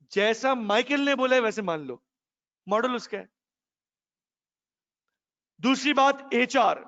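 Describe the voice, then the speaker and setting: High-voiced teacher quizzing his class. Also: a bit bright. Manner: addresses students as "beta", quizzing them. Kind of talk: classroom lecture. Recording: muffled classroom recording with long reverb.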